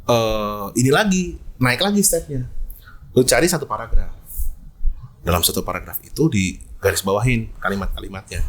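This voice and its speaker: A man's voice: on the low side, moderate pace. A man with a Jakarta slang accent, an esports event host, telling stories in a casual podcast chat and acting out quoted lines. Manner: animated storyteller, acts out quoted lines.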